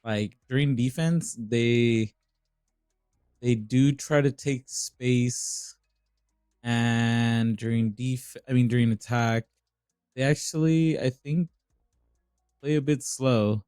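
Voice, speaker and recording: Young male esports caster, unhurried and loose, smooth clean voice, faint music behind. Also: mid-range voice, no echo, studio quality. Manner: relaxed, rambling with frequent uh and restarts. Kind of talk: live esports commentary.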